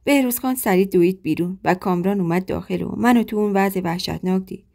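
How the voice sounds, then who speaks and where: A woman's voice: medium pitch, vocal fry, warm tone. A woman storyteller narrating a true-life tale in the first person, with a dramatic, emotional reading.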